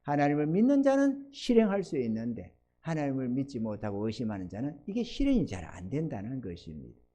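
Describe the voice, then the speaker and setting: A middle-aged pastor preaching a sermon, animated, often acting out voices in his preaching and calling for amens. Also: medium pitch, fairly quick. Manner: animated preaching, acts out God's and believers' voices, calls for amens.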